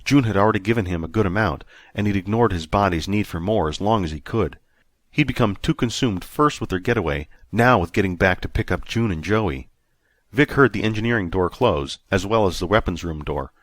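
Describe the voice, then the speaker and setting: A man narrating a sci-fi audiobook in a steady, measured storytelling manner. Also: deep voice, no echo. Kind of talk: scripted narration.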